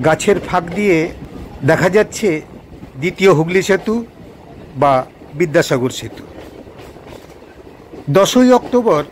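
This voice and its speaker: A man's voice: high-pitched, expressive, a little slow, long pauses, slight background noise. A man narrating a local train journey as a travel vlogger, pointing out sights along the route. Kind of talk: calm guided narration over train footage.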